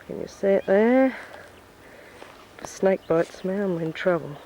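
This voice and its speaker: Captured on a camcorder mic, this home-video walkthrough has an Australian woman chatting and reminiscing as she strolls through her family's house and backyard. She speaks in a warm, animated mid-range voice, a little slowly. The highs are cut off and a little hiss or hum runs underneath.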